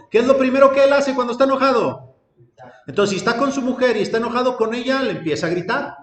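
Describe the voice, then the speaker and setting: High-voiced man preaching in a reverberant hall. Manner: storytelling, acts out dialogue, rises to emphatic lists. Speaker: pastor. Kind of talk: sermon. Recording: echoey hall with ambient noise.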